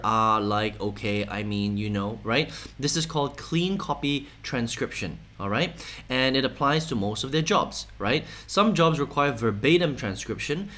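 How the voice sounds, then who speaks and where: Man checking in with "right?" and "okay?". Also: mid-range voice. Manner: casual, with frequent "right?" and "okay?" check-ins; steady explanatory delivery with some fillers. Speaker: online business reviewer. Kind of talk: screen-share review walkthrough.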